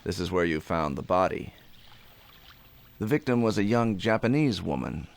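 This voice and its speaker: Deep, self-assured police lieutenant. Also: male voice, lively intonation, moderate pace, gravelly. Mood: grave. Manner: assured, matter-of-fact. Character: confident, blunt male police lieutenant of homicide. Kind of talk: anime dub acting.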